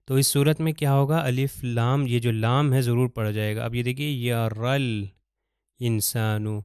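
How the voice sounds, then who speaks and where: A man teaching Quran recitation step by step, patiently explaining letters and slowly chanting each example. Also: medium pitch, steady tone, a little mellow, clean tone, no echo, studio quality.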